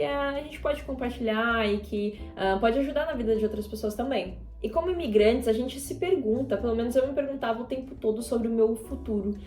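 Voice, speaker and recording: A Brazilian YouTuber in her twenties, with a Brazilian Portuguese accent, chats casually to viewers while painting, rambling with lots of fillers and tag questions. Her voice is a little high and mellow, and the sound is roomy.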